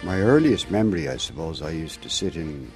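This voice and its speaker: An older Irish man, a former circus performer, telling family memories in an unhurried storytelling way. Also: a bass voice, big pitch swings, music in the background. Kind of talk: reminiscing interview narration.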